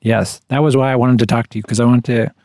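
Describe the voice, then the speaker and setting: A man's voice: mid-range voice, fairly even intonation, quick pace, a little mellow, dry recording, clean studio sound. A man co-hosting a podcast with casual, tongue-in-cheek banter, recorded outdoors in a backyard. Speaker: podcast co-host. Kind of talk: casual chat.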